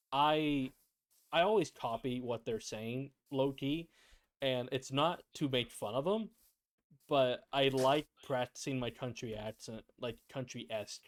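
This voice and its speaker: Male streamer, casual game chat, playful self-deprecating banter, mid-range voice. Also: mid-range voice. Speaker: streamer and gameplay host.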